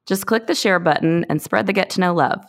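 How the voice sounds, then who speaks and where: A woman host reads an upbeat scripted introduction to a podcast. Her voice is low and gravelly. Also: brisk. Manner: upbeat, reading a prepared intro.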